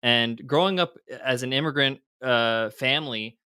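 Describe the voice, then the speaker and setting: A man's voice: mid-range voice, normal speed, sharp tone, smooth, dry recording, studio quality. A middle-aged man, a guest entrepreneur, speaking candidly in a casual podcast interview with frequent fillers and restarts. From United States.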